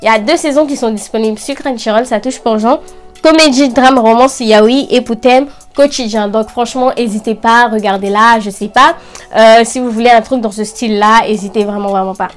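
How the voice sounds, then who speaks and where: A woman's voice: fairly high pitch, steady tone, fairly quick, soft background music. A young woman talking casually and slangily as an enthusiastic anime fan, recommending things to her video audience. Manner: informal youth slang. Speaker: anime review channel host.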